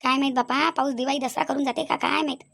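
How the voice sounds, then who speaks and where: A fretful old village mother-in-law in a cartoon, griping and suspicious. Her voice sits high and the words tumble out at a breakneck clip. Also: fairly even intonation, vocal fry, fairly bright tone, exaggerated voice. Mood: worried. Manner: complaining, suspicious, rapid chatter. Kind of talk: cartoon voice acting.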